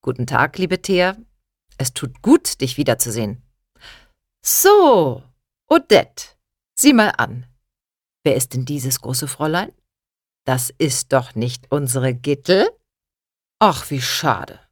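A woman voicing a hearty, loud middle-aged uncle who sprinkles French greetings into his talk, in a storybook reading. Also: mid-range voice, big pitch swings, slow pace, long pauses, dry recording, studio quality. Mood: jovial.

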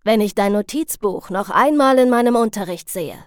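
A woman's voice: medium pitch, animated, moderate pace, smooth, no room sound, clean studio sound, close to an everyday voice. A woman voicing a stern, dryly sarcastic male chemistry teacher with a firm, lightly mocking manner.

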